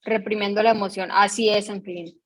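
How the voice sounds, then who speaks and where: In a mid-range, fairly even, fast voice, a woman with a Mexican Spanish accent gives an online talk for an emotional education workshop. She explains patiently, regularly asks the audience checking questions, and reads picture dialogues as if telling a story.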